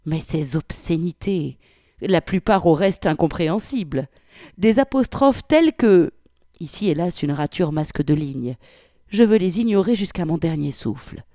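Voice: mid-range voice, expressive, a little slow, mellow, dry recording, studio quality. A reader voicing a prudish, pious widowed wartime godmother, reading her ornate, old-fashioned letter with swells of indignation. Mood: indignant, prim.

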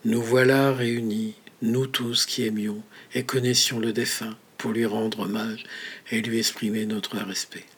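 A man voicing a gentle male eulogist on a recording, soft and solemn. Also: lowish voice, flat delivery, a little slow, slightly rough.

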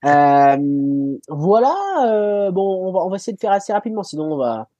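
A man's voice: sits high, expressive, moderate pace, warm tone, no echo. A man hosting a casual cycling talk show, jokily recapping the race for listeners. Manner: jokey, recapping stages for listeners. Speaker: show host.

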